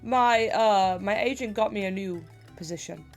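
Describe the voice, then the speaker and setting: A woman's voice: mid-range voice, moderate pace, soft background music. A woman streamer chatting casually and playfully while gaming, laughing often and sniffly with a stuffy cold.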